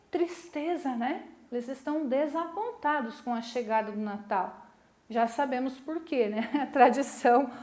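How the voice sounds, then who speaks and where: A woman's voice: on the high side, reverberant. A woman teacher giving a recorded school lesson, explaining patiently and often checking with her students. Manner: explains patiently, keeps asking "né?" to check understanding.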